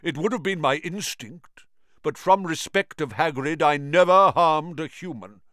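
A man voicing an ancient giant male spider, croaking and grave, speaking slowly and solemnly. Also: a little high, fairly bright tone, no echo, clean studio sound, pitched above the performer's own voice, natural voice. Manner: slow, solemn, clicking menace.

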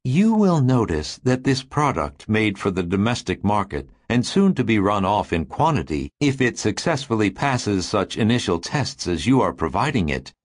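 A man voicing the calm telepathic voice of a toy maze, smooth and salesmanlike. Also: fairly low pitch, normal speed, hardly any pauses. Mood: placid.

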